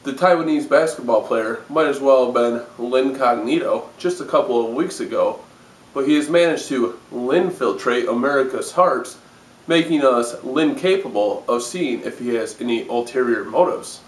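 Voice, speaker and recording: Guy doing mock-serious parody news anchor bit, slightly high voice, echoey room, mic kinda far. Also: normal speed. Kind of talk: scripted parody newscast delivery. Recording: roomy echo, distant mic.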